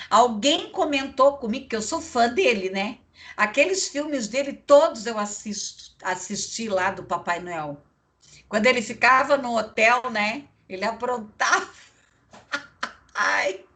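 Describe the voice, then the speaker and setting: Lady teaching online, slow and unhurried, bright voice, keeps asking the class right. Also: fairly high pitch. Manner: chatty, digressive, tag questions. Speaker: psychology lecturer.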